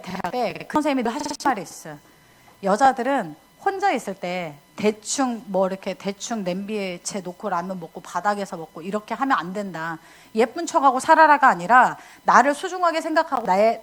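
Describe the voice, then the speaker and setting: Woman speaker, middle-aged, church lecture; high, swooping delivery, playful asides and acted-out scolding. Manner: animated, acts out scolding voices, chatty asides to audience. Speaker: missionary speaker at a youth camp.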